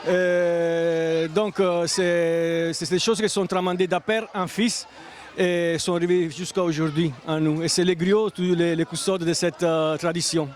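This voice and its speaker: A man's voice: a little high, level tone, unhurried. Man, hesitant. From Italy. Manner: hesitant, searching for words. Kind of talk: street interview. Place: outdoor street festival. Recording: crowd and noise outdoors.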